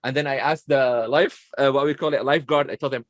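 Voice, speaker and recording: A man's voice: medium pitch, fairly quick, no echo, muffled recording. Chatty man with non-native English. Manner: animated, chatty, self-deprecating. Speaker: guest. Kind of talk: casual interview storytelling.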